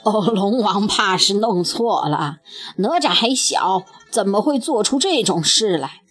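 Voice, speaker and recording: A woman's voice: mid-range voice, expressive, unhurried, a bit bright, husky, soft background music, pitched below the performer's own voice. A woman voicing a worried, stern father in a storybook tale, scolding and fretting. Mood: flustered. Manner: flustered, scolding. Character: anxious stern father, a man.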